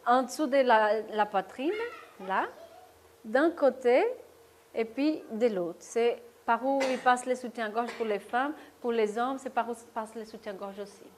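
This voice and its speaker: In a lecture room with listeners present, a woman on the high side talks at a measured pace over faint background noise. Her live workshop on stress demonstrates tapping one step at a time, punctuated by regular "d'accord?" checks.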